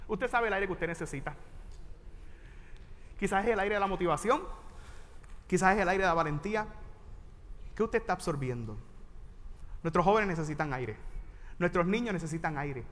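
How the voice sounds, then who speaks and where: A man with a Puerto Rican accent, a voice teacher giving a humorous motivational talk to teachers, animated and joking with sudden loud exclamations. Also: sits high. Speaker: voice teacher and keynote speaker. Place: large venue with a big audience of teachers.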